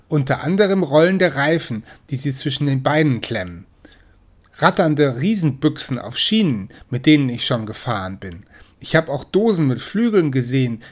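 A man voicing a graceful mother cat teaching her kittens softly, in a storybook. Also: medium pitch, very animated, normal speed. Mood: instructive. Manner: soft, instructive.

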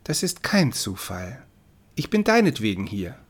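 A man voicing gentle, unyielding Death as a bird. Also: mid-range voice, very animated, a little slow. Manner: soft, kind but unyielding.

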